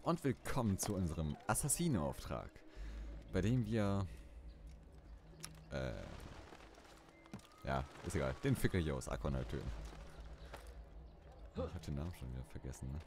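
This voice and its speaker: A man's voice: very deep voice, animated, moderate pace, long pauses, noisy background. A man commenting casually on his own gameplay, chatty and self-mocking, swearing now and then. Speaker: let's play host.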